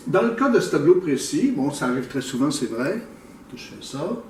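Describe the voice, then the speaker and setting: A man who explains his painting thoughtfully and hesitantly, with many pauses. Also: on the high side, very animated, darkish tone, a little hiss or hum. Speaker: painter, interview guest. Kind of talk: casual explanation. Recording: echoey room, mic at a distance.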